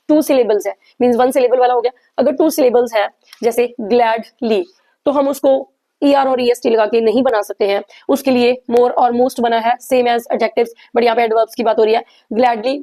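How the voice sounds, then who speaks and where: Woman grammar teacher, slightly high, warm mellow voice, slow on examples. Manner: slow, deliberate when reading English examples aloud; addresses viewers directly, asks them to answer. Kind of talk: explanatory grammar lesson.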